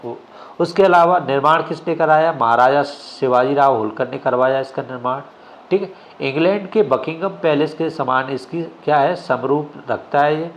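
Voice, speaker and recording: A man's voice: fairly high pitch, moderate pace. A male exam coaching teacher giving a classroom lecture. He keeps asking questions and answering them himself, often checking with "ठीक है?".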